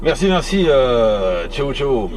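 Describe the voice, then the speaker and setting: Slow but very animated, a mid-range male voice comes over CB radio from a vehicle on the road, where he is the channel host. He chats casually, hesitating and repeating his phrasing, amid the noise of the cab and CB radio ambience.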